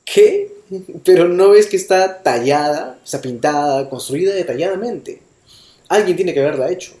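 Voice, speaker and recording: A man exploring a cave, speaking excitedly, his voice echoing off the cave walls. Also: a little high, moderate pace. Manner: excited, exclaiming. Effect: cave echo. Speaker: podcast host. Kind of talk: acted cave exploration skit. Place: inside a cave. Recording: echoey cave.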